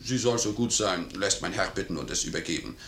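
An actor playing a blunt, loyal manservant in a classic radio play, talking in a sly, insinuating way. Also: male voice, low voice, lively intonation, brisk, a bit bright, a little hiss or hum. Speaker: servant. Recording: roomy studio echo.

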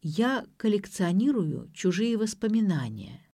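A woman's voice: mid-range voice, big pitch swings, measured pace, warm tone, dry recording, clean studio sound. A woman voicing a cold, demanding man speaking on the phone, curt and commanding.

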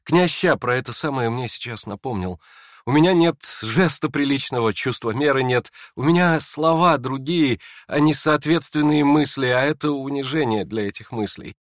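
A man's voice: mid-range voice, normal speed, no echo, clean studio sound, natural voice. A man reading aloud and voicing a meek, earnest young prince who speaks in a hesitant, apologetic way.

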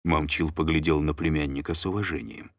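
A man narrating an audiobook in an expressive scripted reading. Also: very deep voice, fairly quick, dry recording.

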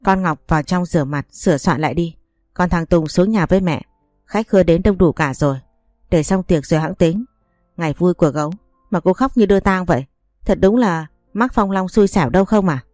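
A woman's voice: on the low side, a little fast, darkish tone, no echo, faint music behind, close to an everyday voice. A woman reading the lines of a stern older mother giving orders. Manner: commanding.

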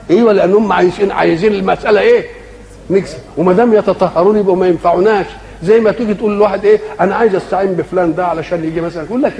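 A man's voice: sits high, vocal fry, a little mellow. An older man with an Egyptian accent explaining Quranic verses in a colloquial sermon, often asking the audience questions and drawing out the verses he recites. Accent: Egyptian Arabic.

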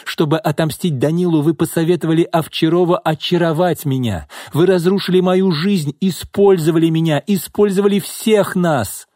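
A man's voice: a little high, expressive, dark tone, slightly rough, no echo, pitched above the performer's own voice. A wronged young secretary in an audiobook, played by a male narrator in a raised voice. She sounds bitter and accusing and leans hard on each word. The recording is dry and close. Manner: bitter, accusing, slow and emphatic. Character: distraught, wronged female secretary, young adult.

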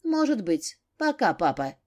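A woman reading an audiobook, voicing a defensive, quick-tempered grown daughter. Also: medium pitch, big pitch swings, a little mellow. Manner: flaring, defensive.

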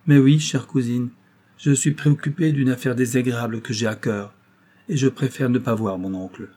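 Guy reading as a calm resolute young gentleman, firm and a bit ironic, mellow husky voice. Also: mid-range voice, normal speed, close to an everyday voice.

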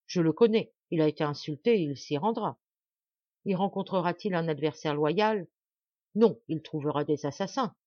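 A woman's voice: medium pitch, darkish tone, no room sound, highs cut off, natural voice. A woman reading the part of a young noblewoman who commands and speaks with bitter force. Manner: commanding, cutting.

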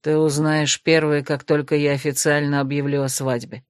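A woman voicing a stern, aloof young male necromancer in an audiobook, speaking calmly and with restraint. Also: deep voice, normal speed, clean tone, no echo, studio quality, voice pushed down, lightly acted. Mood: restrained.

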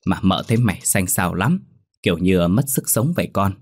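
A man's voice: deep voice, lively intonation, moderate pace, husky, heavily acted. Man doing a bossy aunt, scolding but caring, storybook narration. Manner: brusque, scolding, affectionate.

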